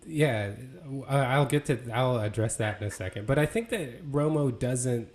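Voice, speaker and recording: A man's voice: mid-range voice, expressive, normal speed. A man co-hosting a casual sports podcast, talking in a loose, conversational way full of fillers and restarts. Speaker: podcast co-host.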